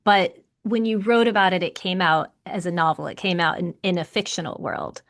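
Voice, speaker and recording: A woman's voice: on the low side, animated, moderate pace, vocal fry. Enthusiastic woman podcast host. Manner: enthusiastic, chatty questioner. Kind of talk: podcast interview.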